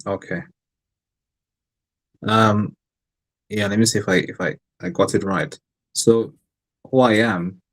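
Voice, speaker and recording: A young man from Cameroon speaks as a guest on a video call. His voice sits very low. He answers in a relaxed, hesitant way, full of ums and restarts. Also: slow, long pauses. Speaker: guest artist. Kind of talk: casual interview on a video call.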